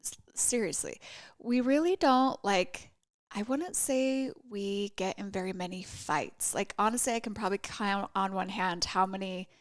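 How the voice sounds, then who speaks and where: A woman's voice: mid-range voice, moderate pace, no echo, studio quality. A woman co-hosting a podcast in casual chat, candid and playfully teasing. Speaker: podcast co-host.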